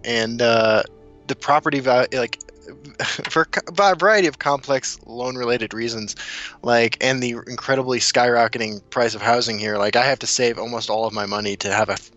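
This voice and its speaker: Bright-voiced American man chatting casually. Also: mid-range voice, steady tone, moderate pace, dull audio, faint music behind. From United States. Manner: rambling, self-interrupting storyteller. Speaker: co-host. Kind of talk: casual chat.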